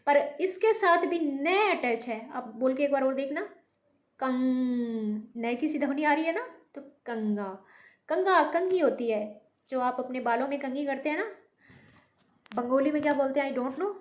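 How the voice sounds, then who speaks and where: A woman teaching a Hindi lesson, slowly drawing out each sample word and mixing English words into her explanations. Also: sits high, roomy sound. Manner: slow, repetitive, drawn-out pronunciation of sample words. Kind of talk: online language lesson.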